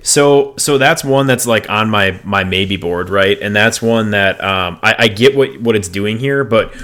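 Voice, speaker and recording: A man chatting casually on a podcast about card game decks, relaxed, with lots of fillers and restarts. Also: fairly low pitch, a little slow. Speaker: podcast co-host.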